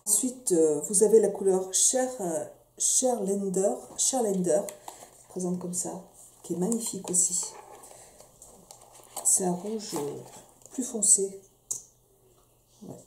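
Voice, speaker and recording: A beauty vlogger with a mid-range, dark-toned voice speaks slowly and pauses often while casually reviewing beauty products in a room at home. She's chatty yet hesitant, full of fillers and restarts, and the room sounds echoey with faint noise.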